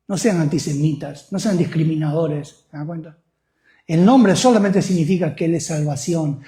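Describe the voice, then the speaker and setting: A man's voice: high voice, dark tone, reverberant. A male pastor preaching a sermon, often putting questions to the congregation.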